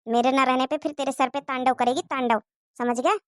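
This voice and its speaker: Bossy cartoon mother-in-law , played by a woman, nagging and taunting. Lower than the performer's own high voice, dry recording. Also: steady tone, a little fast, dry recording, close to an everyday voice. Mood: scolding.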